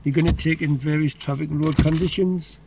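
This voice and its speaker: Driving instructor guy, gravelly and a bit high, jokey, kinda far from the mic in a noisy car. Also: steady tone, fairly quick. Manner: chatty, jokey, teasing. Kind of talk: casual instruction during a lesson. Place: inside a car. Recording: distant, dull, noisy car interior.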